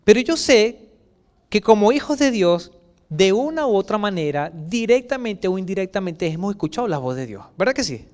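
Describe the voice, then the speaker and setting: A man with a Chilean Spanish accent preaching a sermon as pastor, swinging between loud outbursts and soft asides and acting out quoted voices. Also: sits high, very animated, normal speed.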